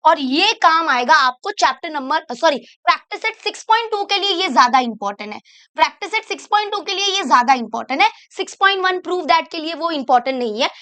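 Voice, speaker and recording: A woman's voice: very high voice, lively intonation, fast, pushed and bright. A young woman teaching a maths lesson, mixing Hindi with English terms and asking the class to repeat after her. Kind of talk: board exam maths lesson.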